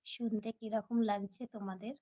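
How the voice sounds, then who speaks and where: A woman hosting a casual live stream at home at night, hoarse from a cold, chatting with viewers and answering their comments. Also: mid-range voice, steady tone, moderate pace, warm tone, poor audio.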